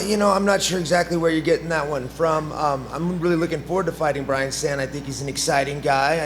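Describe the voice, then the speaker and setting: Man answering diplomatically in a noisy room. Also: on the high side. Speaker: fighter. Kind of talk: press conference answers. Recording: noisy press conference room.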